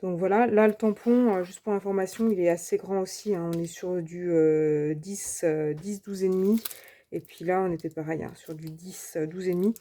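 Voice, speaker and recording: Woman, warm mellow voice, casual craft review, chatty, hesitant, searches for words. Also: on the low side, steady tone, moderate pace. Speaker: crafting channel host. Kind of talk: casual unboxing and product review.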